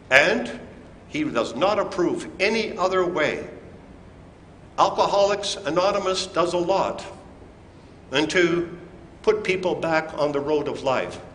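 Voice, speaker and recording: A pastor giving a communion sermon in a church, preaching in a slow, deliberate and emphatic way. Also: male voice, a little high, a bit bright. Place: church sanctuary. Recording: echoey church hall with faint room noise.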